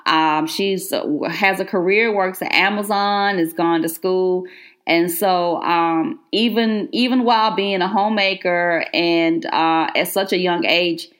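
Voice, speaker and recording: Low-voiced woman podcast host. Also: fairly even intonation, measured pace. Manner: encouraging, warm questioner. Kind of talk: interview.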